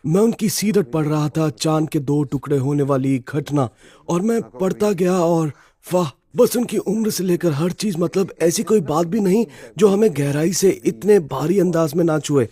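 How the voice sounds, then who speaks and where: A man's voice: fairly high pitch, moderate pace, mellow. A middle-aged man giving an earnest, heartfelt personal testimony as an interview guest, often checking in with the listener.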